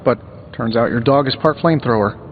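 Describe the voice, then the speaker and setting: The wisecracking genius inventor superhero is again voiced by an American-accented man, glib, sardonic and conversational, in a natural, mid-range voice at a brisk pace. The game recording is muffled with long reverb, background music, and a little hiss or hum.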